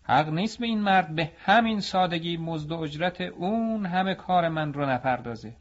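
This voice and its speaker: A man's voice: medium pitch, highs cut off, lightly acted. A man voicing an indignant young potter. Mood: angry.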